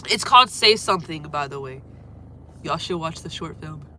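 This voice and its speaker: Congested and coughing with a cold, a deep-voiced young Floridian musician chats with her livestream viewers through a phone held near her mouth. She's animated at a moderate pace, piling on fillers, drifting around, and fading out softly, with slight noise in the background.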